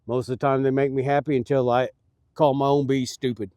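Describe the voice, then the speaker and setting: Middle-aged man, beekeeper, folksy and earnest, mellow tone, dry close sound. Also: mid-range voice, little pitch movement, brisk, dry recording. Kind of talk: casual vlog talk. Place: outdoors at beehives.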